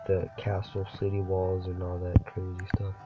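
Game music plays behind a dull, lo-fi recording of a young man commentating his gameplay as a YouTuber, rambling loosely and dropping "dude" often. He has a cold, which pushes his voice deeper than normal; it's low and monotone, at normal speed.

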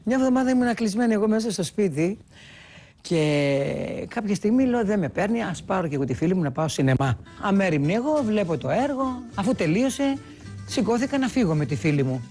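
Animated woman telling a story with bright swings in pitch. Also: faint music behind. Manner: lively storyteller. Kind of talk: anecdotal documentary interview.

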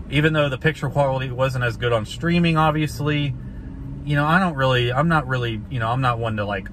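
A man's voice: mid-range voice, poor audio. A man in his thirties chatting casually in a film vlog, recorded inside a car on a dashboard phone. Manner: chatty and conversational, gesturing with his hands. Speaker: film vlogger. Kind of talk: casual talking-head vlog. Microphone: phone camera on the dashboard. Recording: loud car and street noise behind.

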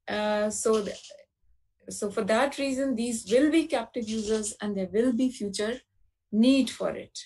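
Woman presenting a webinar, pausing on fillers. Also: fairly high pitch, a little mellow, slight background noise, poor audio. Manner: measured explanatory delivery with frequent uh fillers. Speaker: panelist presenting slides. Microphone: video call.

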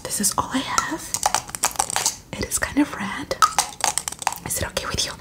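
A woman doing a whispered role-play as a hurried helper getting the listener ready, in fast ASMR whispering with short words repeated in quick runs.

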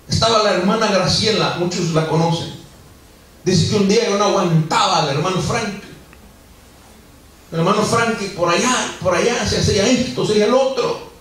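A man's voice: high voice, moderate pace, a bit bright, heavy reverb. A male pastor preaching a sermon, repeating phrases and speaking straight to the congregation. He is recorded from a distance in a church. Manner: preachy, repetitive, addresses the congregation directly. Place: church sanctuary.

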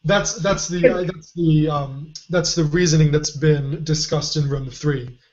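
Slightly hoarse man, halting podcast talk. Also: on the high side, steady tone, darkish tone. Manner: halting, many fillers and restarts. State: losing his voice. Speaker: podcast co-host. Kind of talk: casual puzzle discussion. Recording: dull lo-fi podcast audio.

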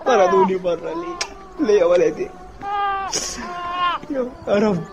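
A man's voice: sits high, big pitch swings, moderate pace, muffled recording, music in the background. A man playing a grown son who has been thrown out by his family, speaking in a hurt, pleading way.

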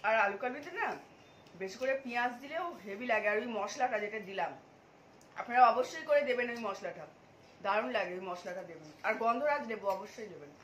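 A woman's voice: on the high side, a little fast, a little hiss or hum. Woman talking through a mouthful. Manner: relaxed, talks while eating. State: mouth full, chewing. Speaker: food vlogger host. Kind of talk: casual eating-show chat. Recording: echoey room with clinking dishes.

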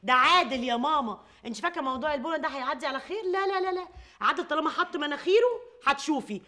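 A woman's voice: sits high, expressive, very fast, bright, forceful tone. An actress playing a sarcastic, mocking young woman with an Egyptian Arabic accent in a sitcom.

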